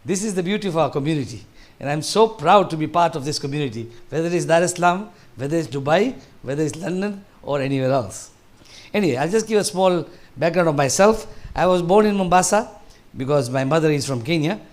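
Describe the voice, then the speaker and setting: Fairly high-pitched, animated and brisk, a Tanzanian man in his sixties speaks as a guest to a seniors group in a large hall. He rambles conversationally and often begins his sentences again.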